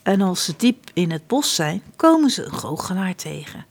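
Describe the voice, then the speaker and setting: A woman reading a children's storybook aloud, expressive and hushed at times. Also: lowish voice, normal speed.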